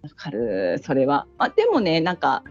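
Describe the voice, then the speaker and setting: A woman from Fukuoka city with a Hakata dialect, explaining things in an animated way during a casual podcast chat. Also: low-pitched, moderate pace, lo-fi sound, soft background music.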